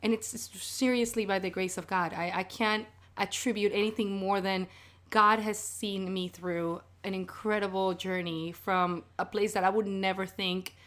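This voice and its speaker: A woman's voice: medium pitch, fairly even intonation, normal speed, fairly bright tone. A woman from Venezuela with a Venezuelan Spanish accent, a native Spanish speaker, talking animatedly as a podcast guest and laughing often. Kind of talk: casual chat. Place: podcast recording.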